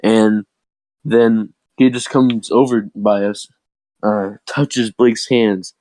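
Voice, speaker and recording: A man's voice: lowish voice, steady tone, slow, warm tone, poor audio. A teenage boy co-hosting a casual chat, telling a rambling story full of swearing and laughs, his voice cracking often. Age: teens. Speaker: podcast co-host.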